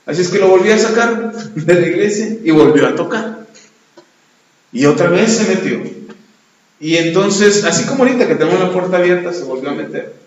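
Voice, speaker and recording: A pastor preaching a sermon, retelling a story and acting out both sides of the dialogue. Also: male voice, high-pitched, lively intonation, a little fast. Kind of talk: sermon with retold anecdote. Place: church. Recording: echoey church hall, dull lo-fi sound.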